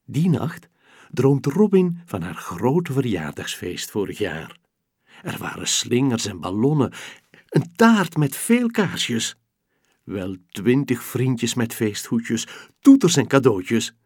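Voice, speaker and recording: A man reads a children's story aloud at an unhurried pace, lingering over each phrase. His voice is a little husky and moves through a lively range of pitch. The sound is close and dry, with no room around it. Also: no echo. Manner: slow, expressive, gentle storytelling.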